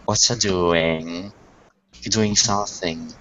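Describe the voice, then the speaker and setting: A man's voice: low-pitched, takes it slowly, crowd noise. A man hosting a casual group video hangout, teasing and laughing often. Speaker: hangout host. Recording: dull lo-fi call audio with faint noise.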